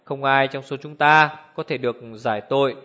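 A man's voice: mid-range voice, steady tone, moderate pace, bright, forceful tone, close to an everyday voice. A man voicing a prim, rigid older woman who speaks in an icy tone, on a dull lo-fi recording.

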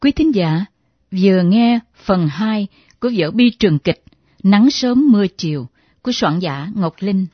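A woman's voice: mid-range voice, expressive, measured pace, no echo. A woman radio announcer giving a formal sign-off at the end of a radio drama. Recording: dull lo-fi old radio recording with music.

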